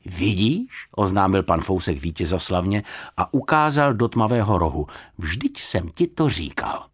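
A man narrating an audiobook in an expressive, animated reading style. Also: on the low side.

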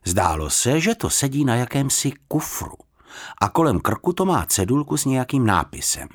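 A man narrating an audiobook in an expressive, animated reading style. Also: medium pitch.

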